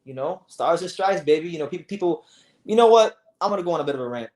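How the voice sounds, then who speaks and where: A young man from South Florida hosting a casual livestream, talking in an animated way with lots of restarts and swearing. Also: a little high, fast. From South Florida, USA. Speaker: livestream host. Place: home, sitting on a beanbag chair.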